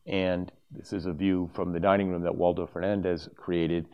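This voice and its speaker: A man's voice: sits low, level tone, moderate pace, clean tone, highs cut off. A middle-aged man giving a conference talk from a lectern, speaking casually with frequent fillers and restarts. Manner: conversational, with many fillers and restarts. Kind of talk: conference presentation. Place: conference hall stage, at a lectern. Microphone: lapel mic.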